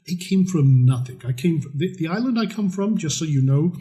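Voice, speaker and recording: A man's voice: on the high side, expressive, brisk, warm tone. Blunt, chatty middle-aged man. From Scotland. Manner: chatty, blunt, with mild swearing. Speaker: trading course presenter. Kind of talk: conversational sales pitch.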